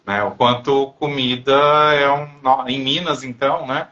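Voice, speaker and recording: A man co-hosting a casual live stream, talking reflectively and haltingly, with many pauses and restarts. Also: mid-range voice, fairly even intonation, pushed and bright, highs cut off. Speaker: therapist and co-host.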